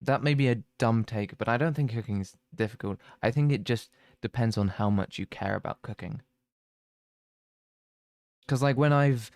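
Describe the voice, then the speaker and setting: A man's voice: lowish voice, no room sound. A young man chatting casually on a stream, rambling and self-mocking, with plenty of swearing. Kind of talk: casual chat.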